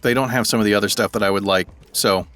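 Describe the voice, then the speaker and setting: A man's voice: fairly low pitch, fairly even intonation, quick pace, a bit bright, faint music behind. Man rambling over a video game. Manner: thinking aloud, rambling. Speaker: gaming video creator. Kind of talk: casual let's-play commentary.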